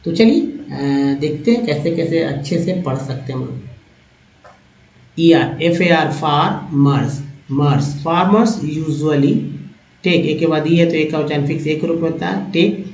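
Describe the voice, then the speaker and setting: A man teaching English, slowly reading out word lists and repeating each word for his learners. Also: fairly high pitch, a little mellow. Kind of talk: slow word-by-word reading lesson. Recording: echoey, dull lo-fi room sound.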